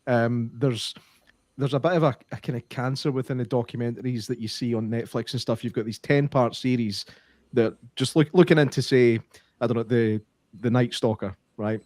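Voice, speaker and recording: A man co-hosting a casual podcast chat, opinionated and quick to laugh. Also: medium pitch, a little mellow, no room sound, studio quality.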